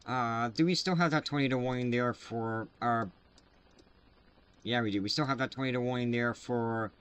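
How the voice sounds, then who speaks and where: A man runs a live severe weather stream from his desk mic. His delivery is casual and halting, full of filler sounds, at an ordinary mid pitch. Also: fairly bright tone, clean tone. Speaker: livestream weather host.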